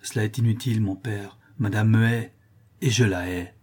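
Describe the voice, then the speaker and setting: A man's voice: fairly low pitch, fairly even intonation, moderate pace, darkish tone, slightly rough. A man reading the part of a proud young woman, cold and defiant toward her father.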